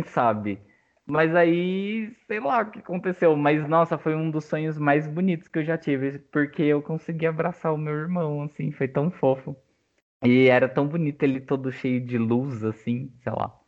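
A young man chatting casually and telling a personal story in an emotional, halting way, full of fillers. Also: mid-range voice. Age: young adult. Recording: tinny phone-like audio.

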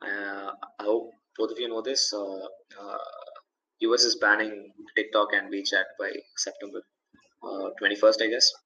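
A young man from India talks through tech news in loose, rambling sentences packed with fillers. His voice sits a little low but rings bright and forward. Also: level tone, moderate pace, poor audio. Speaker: podcast co-host. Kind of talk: casual tech chat.

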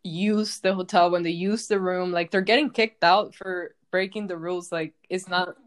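A woman's voice: on the low side, fairly even intonation, moderate pace. A young woman co-hosting a podcast, chiming in to back up the story and signing off the episode. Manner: agreeable, chimes in to back up the story. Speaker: podcast co-host. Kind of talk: casual chat.

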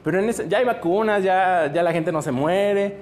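A man's voice: high voice, moderate pace, a little mellow, a little hiss or hum. A man telling a Bible story to children in a playful, joking way and quizzing them as he goes. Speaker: children's preacher.

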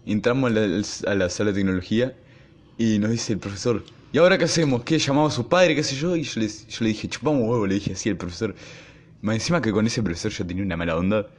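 A young man with an Argentine accent, hosting his podcast and telling a school story in a casual, slangy, animated way. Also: on the low side, quick pace. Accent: Argentine Spanish. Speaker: podcast host.

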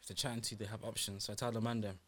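A man's voice: lowish voice, level tone, very fast, background noise. A young man with a London roadman accent, chatting casually in street slang as a podcast co-host. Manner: slangy street talk with tags like bruv and innit.

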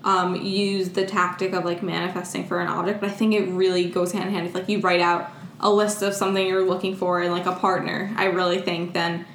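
A young woman talks casually and teasingly as a podcast co-host, leaning on "like" as she goes. Her voice sits lower than most women's. The room is echoey, with a faint hiss of noise underneath. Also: flat delivery, fairly quick, a bit bright. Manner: chatty and teasing, heavy with "like". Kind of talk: casual chat.

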